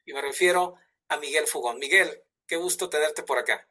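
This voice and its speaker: A man's voice: a little high, moderate pace, bright, forceful tone. A man with a Mexican accent hosting a live online talk show, enthusiastic, with many fillers and restarts. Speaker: host.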